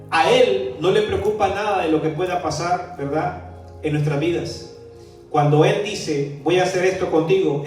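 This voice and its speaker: A male pastor preaching a sermon, swinging between emphatic declarations and quiet, confiding storytelling. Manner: preaching with rising emphasis, then dropping to a low confiding tone for anecdotes. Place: church hall. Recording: echoey church hall, mic from a distance, faint music.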